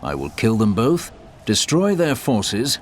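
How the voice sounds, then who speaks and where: A grim, resolute crusader speaks bluntly in a low voice with lively inflection. It is video game dialogue with noise behind it. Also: male voice, a little slow. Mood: grim resolve.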